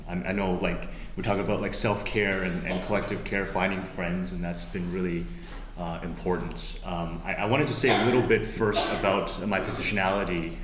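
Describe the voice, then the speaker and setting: A man, speaking on a university panel as a human rights lawyer, halting and full of fillers and restarts. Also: low-pitched, noisy background. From born in Hong Kong, raised in Toronto. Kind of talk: panel talk. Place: university roundtable room. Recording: echoey room with faint ambience.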